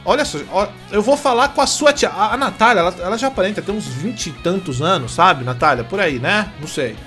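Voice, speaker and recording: A man's voice: high-pitched, lively intonation, a little fast, pushed and bright, soft background music. A young Brazilian man hosting a show, ranting indignantly and swearing while he reads out a story and acts out its quotes. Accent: Brazilian Portuguese. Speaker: host. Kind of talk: ranting commentary reading a story.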